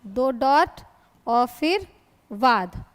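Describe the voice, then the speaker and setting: A woman's voice: high voice, sing-song, extremely slow, clean tone. A woman teaching Hindi grammar in a classroom lecture. She explains patiently, asks her students questions and calls them "beta". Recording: long hall reverb.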